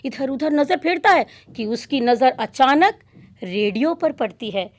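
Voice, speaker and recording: A woman narrating a children's story expressively, pausing to explain words. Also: sits high, animated. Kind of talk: storytelling demonstration for teachers.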